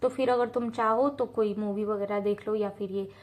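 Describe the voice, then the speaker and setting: A young Indian woman vlogs study advice straight to camera, earnest and direct, repeating points for emphasis and dropping in English phrases. Her pitch is medium, intonation fairly even, pace moderate.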